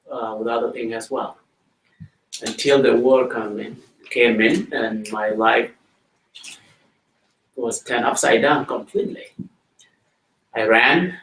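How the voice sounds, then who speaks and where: A middle-aged man from South Sudan, speaking English with a South Sudanese accent, giving a plain, slow storytelling talk to schoolchildren in a school library. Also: mid-range voice, a little hiss or hum. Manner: plain, slow-paced storytelling, addressing children directly. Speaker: guest speaker. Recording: roomy hall audio from a distance.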